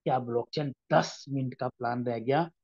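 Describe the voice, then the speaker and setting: A man's voice: mid-range voice, normal speed, a little mellow, no echo, highs cut off. A man leading a motivational sales training session, addressing listeners as friends and acting out sales conversations. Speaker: network marketing trainer.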